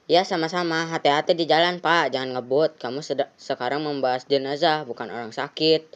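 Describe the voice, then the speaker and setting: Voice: mid-range voice, a little fast, smooth, lo-fi sound, natural voice. A game streamer voicing a brusque, impatient male police officer in a horror game, reading his lines aloud in a scolding tone. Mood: gruff.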